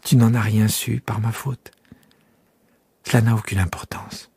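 A man's voice: on the low side, fairly even intonation, measured pace, vocal fry, darkish tone, husky, no room sound, exaggerated voice. A man voicing a proud, fragile female flower in an audiobook, tender while hiding tears. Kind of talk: audiobook character voice.

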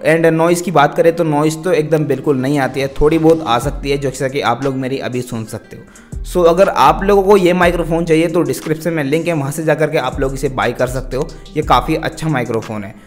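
Speaking directly to his audience again and again, a young adult host of tech videos offers instructional product advice in vlog form, his voice a little high. Background music accompanies him in a small decorated indoor space, where he grips a wired lavalier microphone.

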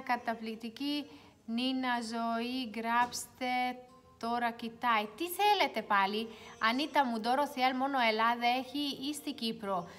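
A young woman hosting a casual makeup livestream, chatting and reading viewer comments aloud, sometimes dropping to quiet mutters. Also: a little high. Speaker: beauty livestream host. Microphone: phone.

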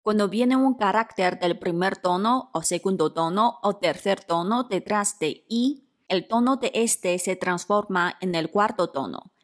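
Calm woman prompting a lesson. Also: medium pitch. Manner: measured, clear prompt phrases. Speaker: teacher giving translations. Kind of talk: calm scripted explanation.

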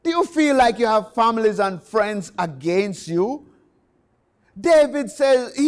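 A man preaching a sermon, passionate and rising to shouts on key phrases. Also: high voice.

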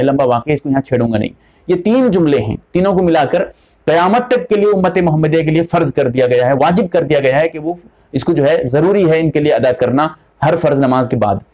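A man with a notably high voice gives a religious lecture as a mufti. He explains each ruling step by step, repeating himself for clarity. Now and then he slows down to chant the takbeer phrases. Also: a little mellow. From India.

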